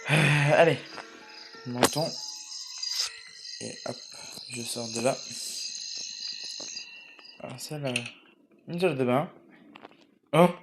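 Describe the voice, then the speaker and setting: A man's voice: medium pitch, takes it slowly, pauses often, music in the background. A young man casually commenting on a horror game as he plays, mumbling and swearing now and then while he eats. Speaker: gamer playing a horror game. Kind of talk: casual let's play commentary.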